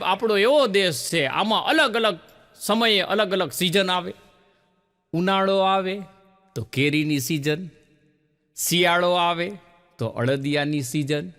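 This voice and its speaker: Animated Gujarati man telling jokes. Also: sits high, in a large hall. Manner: animated storyteller, acts out quoted voices. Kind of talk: stand-up joke telling.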